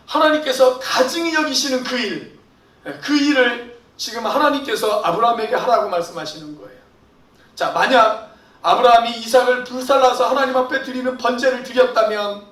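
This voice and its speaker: A man's voice: extremely high pitch, animated, brisk, a bit bright. A man preaching a Sunday sermon as a pastor, who asks the congregation questions and answers them himself. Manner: acts out imagined prayers and quotes in a raised voice. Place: church sanctuary. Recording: echoey church hall, voice from far off.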